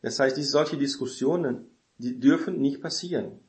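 A man gives an informal parenting advice talk, speaking directly to his listeners at a normal pace. His mid-pitched voice rings in a roomy echo, and he keeps adding a questioning "ne?" to his points and asking if they follow.

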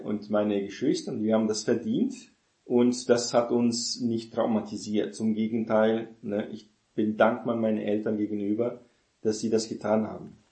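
A man preaches in a loose, talky way, ending many sentences with a questioning "ne?" and correcting himself as he goes. His voice sits at an ordinary middle pitch. The sound rings around a roomy, echoing space. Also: mellow. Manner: rambling, tags sentences with "ne?"; self-correcting, searches for words. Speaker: preacher teaching on parenting. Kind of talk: informal sermon.

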